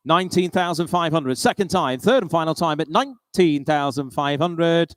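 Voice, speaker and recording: A British man working as an auctioneer, calling live bids and repeating the figures in a steady auction patter. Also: a little high, normal speed, no room sound, clean studio sound.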